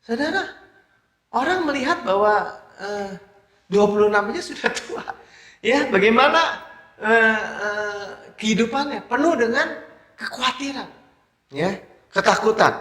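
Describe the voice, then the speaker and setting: A man preaching a sermon as pastor, emphatic and halting, punctuating his phrases with a repeated affirming filler. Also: high voice, animated, sharp tone. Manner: emphatic preaching with frequent hesitations. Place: church. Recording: roomy echo.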